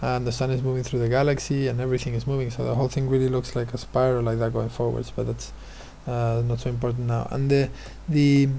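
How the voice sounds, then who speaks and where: Gravelly man teaching physics. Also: medium pitch, level tone, fast, hardly any pauses, dark tone, a little hiss or hum. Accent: non-American, his remark says so. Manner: hesitant, many fillers and restarts. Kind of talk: explaining exam questions.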